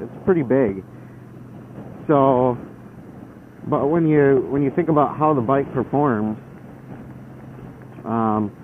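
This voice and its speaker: A man of average pitch talks casually from inside a motorcycle helmet, hesitating and rambling as he goes. The sound is narrow and phone-like, as from a helmet mic. A faint vehicle noise runs behind his voice. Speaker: motorcycle vlogger. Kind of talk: casual motovlog chat while riding. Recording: band-limited helmet mic, engine and road noise.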